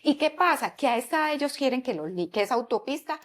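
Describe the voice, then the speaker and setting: A woman's voice: sits high, animated, fast. A woman psychologist, explaining parenting ideas in a podcast interview, often asking rhetorical questions. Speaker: psychologist and parenting expert guest.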